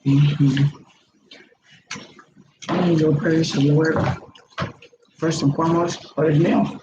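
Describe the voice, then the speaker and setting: A woman chats casually through a mukbang livestream, humming and savoring between bites. Her voice comes through a phone into an echoey room with a dull, muffled tone. A clear background hiss sits under everything. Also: low voice, slow pace. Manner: relaxed, savoring food with frequent hums. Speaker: livestream host.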